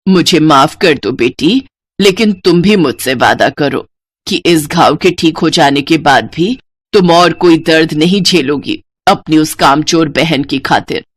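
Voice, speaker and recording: A woman voicing a stern older mother-in-law in a cartoon story, dropping her voice low and talking firmly. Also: a little slow, a bit bright, breathy edge, heavily acted. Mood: tender. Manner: lowered voice, scolding and firm.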